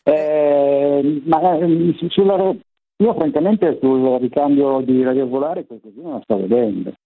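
A man's voice: a little high, unhurried, dry recording. A man calling into a radio show over a landline phone, speaking hesitantly and often restarting his words. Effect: heard over a landline phone. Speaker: radio call-in caller. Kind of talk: casual call-in chat. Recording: tinny phone line.

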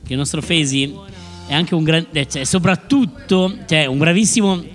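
A man co-hosts with a high, upbeat voice, chiming in often. Light live music sits under his talk. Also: moderate pace, fairly bright tone. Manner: chatty, upbeat, interjecting. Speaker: co-host. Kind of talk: casual live chat in a bar.

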